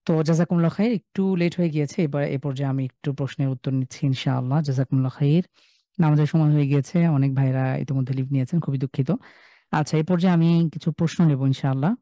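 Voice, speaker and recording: A young man with a Bangladeshi Bengali accent, teaching an online class and sounding out each letter slowly and loudly before explaining it. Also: on the high side, fairly even intonation, no echo. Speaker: Quran recitation teacher. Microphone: video call.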